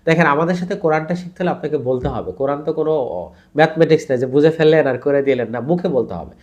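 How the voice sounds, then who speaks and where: A man teaching Quran recitation rules, who sounds out syllables slowly and drawn out, explains quickly in between, and asks learners to repeat after him. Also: fairly high pitch, darkish tone, lo-fi sound. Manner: drills syllables slowly and stretched, then explains in quick bursts. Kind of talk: tajweed lesson.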